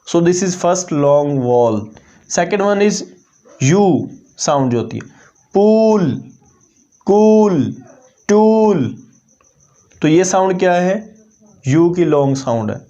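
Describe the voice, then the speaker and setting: A man's voice: high voice, a little mellow. A man gives a classroom-style lesson in a slightly raised voice. He explains step by step and drills example words aloud. The recording sounds dull and lo-fi. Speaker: English teacher.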